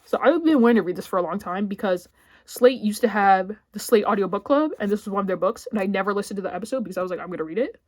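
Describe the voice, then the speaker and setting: A woman talking casually about books she bought, rambling with lots of filler words and bursts of excitement. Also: mid-range voice, quick pace, no room sound. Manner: chatty and rambling, heavy filler words, sudden squealy outbursts. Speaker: book vlogger.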